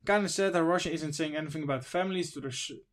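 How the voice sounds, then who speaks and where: A man with a slightly raised pitch hosts a casual livestream, reading articles and viewer comments aloud as he goes. His delivery is loose and wandering, and he sounds sniffly from allergies. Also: fast. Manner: reads news and chat aloud, wandering and informal. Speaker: stream host.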